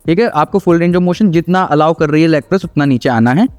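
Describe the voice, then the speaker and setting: A man's voice: a little high, brisk, darkish tone, faint music behind. A man giving casual, teasing commentary on gym videos, explaining technique and often checking in with "theek hai". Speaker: fitness video reactor and host.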